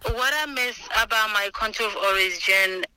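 A Senegalese woman in her 20s, a student, earnestly answers oral history questions over a remote video call. Her mid-range voice is smooth and sharp at a moderate pace, and she pauses thoughtfully with frequent ums and restarts. The recording is low quality with no room sound.

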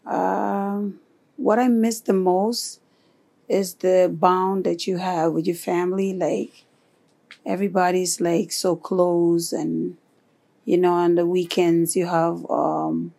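A woman from Honduras being interviewed for an oral history, answering softly and hesitantly with many fillers. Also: fairly low pitch, level tone, slow, gravelly.

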